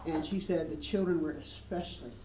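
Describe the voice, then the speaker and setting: A man's voice: on the high side, steady tone, fairly quick, muffled recording, noisy background. A man preaching a sermon as pastor, in an earnest way, with emphatic rising questions, recorded from a distance in a church hall.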